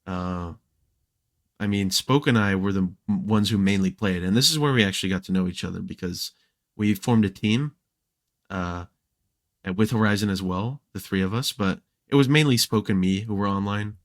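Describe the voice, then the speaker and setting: Low-voiced young man, casual podcast guest. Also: normal speed, no room sound, clean studio sound. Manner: relaxed storytelling with frequent fillers and restarts. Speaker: podcast guest, Minecraft creator.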